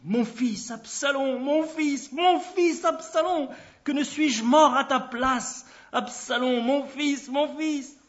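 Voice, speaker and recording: A man's voice: very high-pitched, voice pushed up. A man voicing an old king in anguished lament. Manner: slow, loud, strained lament. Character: grieving old king, mourning his son. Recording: dull lo-fi recording.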